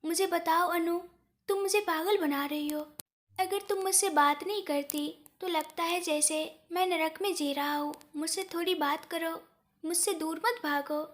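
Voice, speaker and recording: A woman's voice: very high voice, fairly even intonation, normal speed. A woman voicing an angry, possessive young man in a read-aloud story. He asks harsh, demanding questions.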